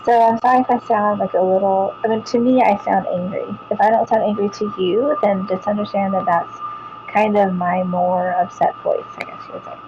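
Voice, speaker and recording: A woman's voice: mid-range voice, steady tone, normal speed, muffled recording, background noise. A woman, vlogging casually to viewers, rambling, repeating herself and restarting sentences.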